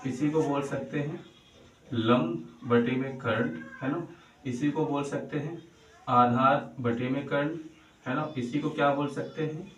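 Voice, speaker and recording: A man's voice: medium pitch, fairly even intonation, measured pace, fairly bright tone, a little hiss or hum. A male teacher giving a maths lesson in a coaching-centre classroom. He keeps asking the class questions, answers them himself, and checks in with the students again and again. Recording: echoey room, voice heard from a distance.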